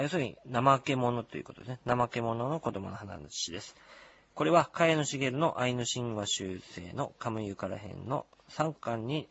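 A man introducing a recorded story on radio in a measured, explanatory way with frequent hesitations. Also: medium pitch, creaky, slightly rough, lo-fi sound. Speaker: radio presenter. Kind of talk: program introduction.

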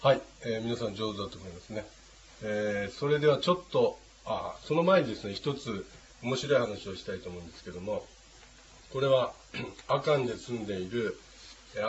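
Language teacher, male, lowish voice, patient with frequent fillers; dull lo-fi recording with a faint hiss. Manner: patient, many hesitation fillers. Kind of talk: classroom language lesson.

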